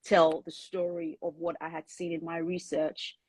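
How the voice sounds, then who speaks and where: In a conversational interview, a female author and guest whose first language is Yoruba discusses her writing earnestly and thoughtfully, often pausing to restart sentences. Her slightly low voice is husky, breathy and darkish, with little pitch movement. The recording is close and dry.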